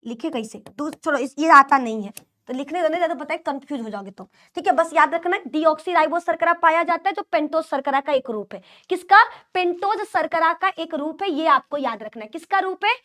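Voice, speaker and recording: High-voiced Hindi biology teacher woman. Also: brisk, pushed and bright. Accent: UP-Bihar Hindi. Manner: repetitive, call-and-response teaching with mnemonic jokes. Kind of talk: online class lecture.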